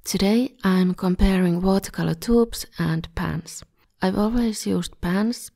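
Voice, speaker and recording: A woman's voice: fairly low pitch, gravelly, darkish tone, breathy edge. A woman with a slightly scratchy voice, a bit under the weather, narrating an art tutorial as its host in a scripted style. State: a bit ill. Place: voice-over recording.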